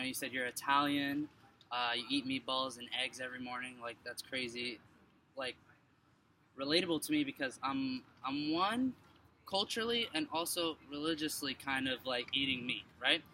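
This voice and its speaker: Bright-voiced man, rambling and distant. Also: mid-range voice, moderate pace. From Morocco. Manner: rambling, many fillers and restarts. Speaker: passerby sharing his view. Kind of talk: casual street conversation. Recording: distant mic with background noise.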